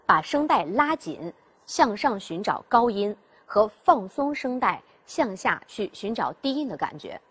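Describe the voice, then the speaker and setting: Lively, husky-voiced woman teaching pronunciation. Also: mid-range voice, unhurried. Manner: explains step by step with rhetorical questions; demonstrates sounds by voicing them. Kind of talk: classroom instruction.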